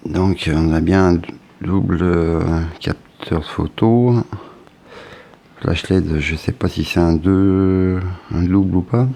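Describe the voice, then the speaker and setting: A man's voice: sits low, fairly even intonation, slow, vocal fry, mellow. A man, casually unboxing a phone and thinking aloud with hesitant fillers. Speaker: tech unboxing vlogger.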